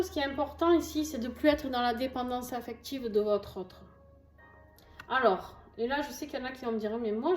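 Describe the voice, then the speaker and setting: This tarot reader speaks with a southern French accent in a somewhat high, slightly mellow voice. Talking casually to camera, she gives her viewers a reassuring, chatty reading with many fillers and asides; the room echoes and faint music is audible.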